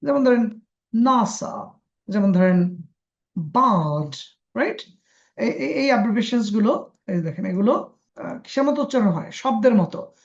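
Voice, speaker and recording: A man's voice: sits high, a little mellow. A man from Bangladesh teaching an English pronunciation webinar. He mixes English terms into his explanations. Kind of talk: live webinar lesson. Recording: dull lo-fi webinar audio.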